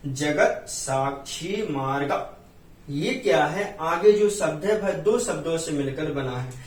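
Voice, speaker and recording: A man with a Hindi accent teaches a Jain hymn line by line, slowly chanting verses and explaining each word. His voice sits somewhat high and comes from a distance in a roomy, echoing space. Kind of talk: teaching Sanskrit hymn recitation and meaning. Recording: roomy echo, distant from mic.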